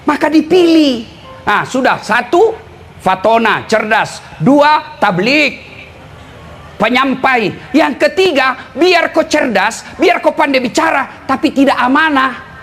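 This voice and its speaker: A man from eastern Indonesia with a lilt, preaching a humorous sermon to a live audience, teasing and often shouting and laughing. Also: extremely high pitch, animated, slow, slight background noise. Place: live event before an audience.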